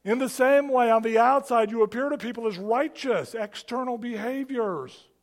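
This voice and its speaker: A man preaching a sermon, with quick rhetorical questions and humorous asides, dropping to a hush on key words. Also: very high voice. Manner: rises and falls for emphasis, drops to a hush on key words. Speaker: pastor.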